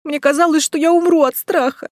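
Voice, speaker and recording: A woman's voice: fairly high pitch, normal speed, husky, dry recording, studio quality, voice pushed up. A woman voicing a frightened teenage schoolgirl who pleads in tearful whispers.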